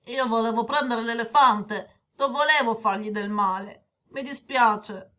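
A woman's voice: on the high side, measured pace, fairly bright tone. A woman voicing a shy young boy who stammers out apologies in a children's audio story. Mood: apologetic.

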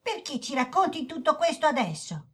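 A woman voicing a gentle, patient boy who reassures and teaches in a children's audio story. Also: sits high, very animated, moderate pace. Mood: firm. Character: caring young brother, calm and patient.

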